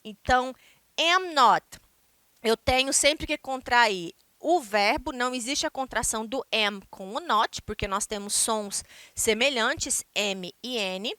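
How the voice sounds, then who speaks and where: A Brazilian woman teaching an English grammar lesson, explaining step by step and reading English examples slowly and clearly. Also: on the high side, animated, sharp tone, dry recording. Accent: Brazilian Portuguese. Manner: explains step by step, ending points with "tá?".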